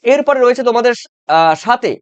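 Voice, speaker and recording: A man's voice: extremely high pitch, lively intonation, a little fast, smooth, no echo. A man teaching an exam-prep lesson, repeating answers and often checking that students follow. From West Bengal. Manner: repetitive, coaxing with frequent check-ins and fillers. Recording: dull, dry lo-fi sound.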